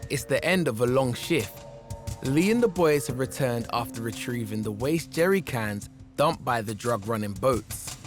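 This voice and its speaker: A man's voice: mid-range voice, animated, moderate pace. A man reading scripted narration for a police documentary. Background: background music.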